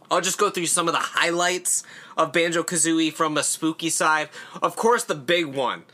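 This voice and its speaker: Young man, casual solo commentary, rambling and chatty, slightly high voice, bright tone. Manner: rambling, conversational, uses fillers and swearing. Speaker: horror channel host.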